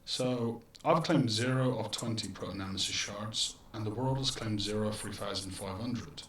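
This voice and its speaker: Streaming a game live, a man with a lowish, slightly bright voice chats and thinks aloud at a normal speed. He's far from his built-in webcam microphone, which makes the room sound echoey and tunnel-like, with faint ambient noise.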